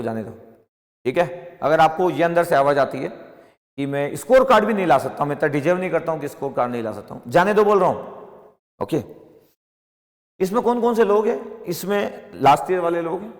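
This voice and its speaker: Emphatic coaching teacher in a hall. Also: male voice, on the high side. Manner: emphatic, repetitive, rhetorical questions. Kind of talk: motivational classroom lecture.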